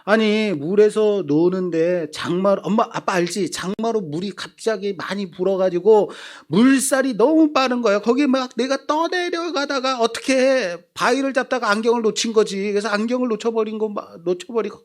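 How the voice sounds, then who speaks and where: A man's voice: high voice, normal speed, hardly any pauses, pitched above the performer's own voice, close to an everyday voice. A man voicing his young schoolboy son, pleading through breathless excuses.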